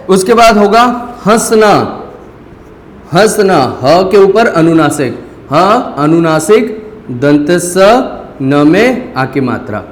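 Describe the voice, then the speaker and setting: High-voiced male teacher in an echoey room. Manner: asks questions then answers them himself; patient, repeats key words slowly. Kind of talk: classroom-style lesson. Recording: echoey room with long reverb.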